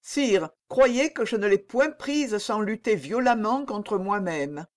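A melancholy young princess speaks with a gentle, sorrowful firmness, as a woman narrator reads her. Her lines move slowly, with a wide, expressive pitch. Heard as an audiobook reading. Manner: soft, sad firmness.

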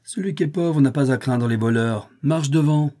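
A man's voice: a little high, normal speed, pitched above the performer's own voice, lightly acted. A man voicing a menacing, mocking male centurion in a storybook reading, barking orders. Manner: commanding, loud.

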